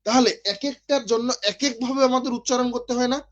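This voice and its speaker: A man's voice: very high voice, fairly quick, muffled recording. A man from Bangladesh teaching an online literature class, explaining step by step and often checking with his students.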